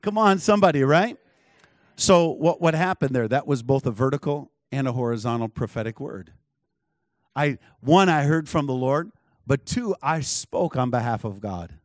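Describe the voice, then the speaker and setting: A man preaching a sermon, telling a story with lively acted-out dialogue and frequent chuckles. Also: medium pitch, normal speed, no room sound, studio quality. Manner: animated, acts out dialogue, chuckles often. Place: church.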